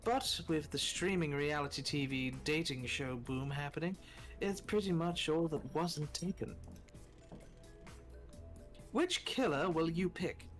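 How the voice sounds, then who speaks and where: A man's voice: fairly high pitch, measured pace, soft background music. A man reading game narration aloud with a dry, wry delivery while chatting with friends. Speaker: streamer.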